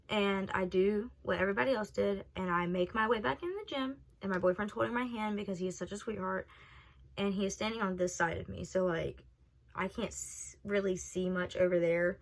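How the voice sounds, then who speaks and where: A young woman on a vlog recounting a personal story in a candid, profane, animated way. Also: medium pitch. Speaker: vlogger telling a personal story. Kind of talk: casual storytime monologue.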